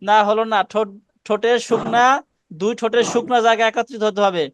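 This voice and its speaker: A man leads an online Quran recitation class over a video call, coaching students one by one. His voice sits high and moves at a fast clip. The sound is clear and dry, and he keeps correcting them with short, repeated commands. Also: steady tone, no echo.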